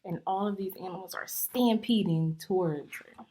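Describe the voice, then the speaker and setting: Reading a picture book to a class of young kids, this woman teacher takes a careful, teaching approach, breaking off to explain and to question the students. Her voice is on the low side with a dark tone.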